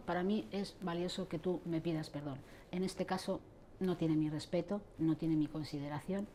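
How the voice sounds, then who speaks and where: Indignant middle-aged woman, interview guest; low, mellow voice. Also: a little hiss or hum. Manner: impassioned, indignant, addresses church leaders directly. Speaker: interviewee, abuse survivor advocate. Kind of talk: interview answers.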